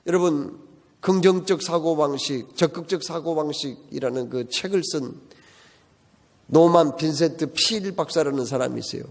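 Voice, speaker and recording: Male pastor, emphatic sermon full of rhetorical questions, slightly high voice in a reverberant sanctuary. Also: normal speed. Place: church sanctuary. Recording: long church-hall reverb.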